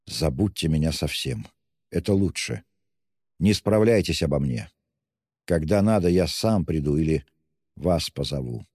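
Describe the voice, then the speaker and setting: A man voicing a brooding, feverish young man who speaks in a slow, halting, grave way, in an audiobook reading with long reverb. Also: low-pitched, warm tone, studio quality.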